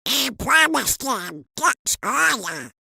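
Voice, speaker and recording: Put-upon cartoon duck uncle, played by a woman: high-pitched, very bright, sharp delivery. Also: very animated, slow pace, gravelly, breathy edge, no room sound, exaggerated voice. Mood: earnest. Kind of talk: comic book fan dub.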